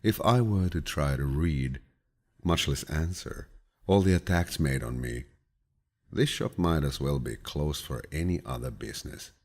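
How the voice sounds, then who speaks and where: With a grandfatherly warmth, the narrator unhurriedly reads quotations from a script for an audiobook. He sounds calm and soothing, his voice low, deep and husky.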